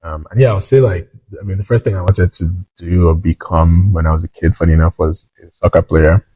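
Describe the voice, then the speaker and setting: A young man from Nigeria, a founder guest in an interview, speaking modestly and relaxed, with many fillers. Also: low voice, fairly quick, husky, no room sound, poor audio. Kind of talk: casual interview chat.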